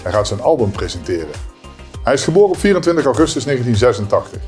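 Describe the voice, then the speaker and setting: Male podcast host, Limburg Dutch accent, warm relaxed tone, casual questioning, light music underneath. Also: medium pitch, quick pace. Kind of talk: casual interview. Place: venue dressing room.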